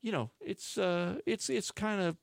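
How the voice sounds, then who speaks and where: A man hosting a radio music show, chatting casually and back-announcing songs in a relaxed, rambling way full of fillers. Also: high-pitched, unhurried, creaky, no room sound. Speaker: radio DJ host.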